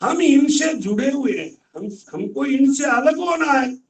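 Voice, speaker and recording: Male preacher, very high and unhurried, bursts of emphasis; roomy, far-off call audio. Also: animated. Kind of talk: sermon. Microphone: video call. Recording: echoey, distant call audio.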